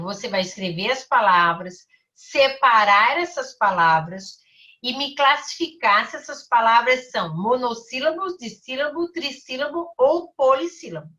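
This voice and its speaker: Primary school teacher, woman, bright and crisp, slow and careful with the children, mic set back. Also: on the high side, far from the mic. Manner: slow, over-articulated for children. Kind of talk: recorded online class.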